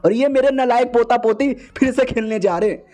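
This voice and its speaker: A man's voice: very high voice, brisk, mellow, voice pushed up. A man voicing a stern old village headman and grandfather, scolding and lecturing.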